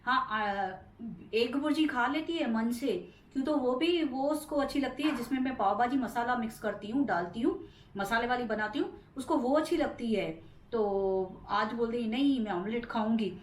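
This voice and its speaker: A woman's voice: a little high, moderate pace, echoey room. Chatty middle-aged woman vlogging at home. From India. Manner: chatty, rambling, recounting daily chores. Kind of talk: casual home vlog narration. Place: home interior.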